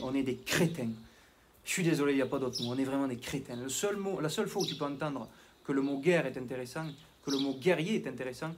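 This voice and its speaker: A health coach with a southwestern French accent talks to camera in a casual monologue, rambling, self-mocking, and wandering off on digressions. His voice is medium-pitched, and the background is noisy.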